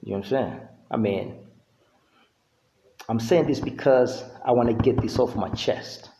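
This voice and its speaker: A man's voice: medium pitch, unhurried, vocal fry, dark tone, reverberant, low-quality recording. A middle-aged man from Uganda, raised in the US, talking in a loose, conversational monologue to the camera and often checking in with "you know what I'm saying". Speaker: vlogger.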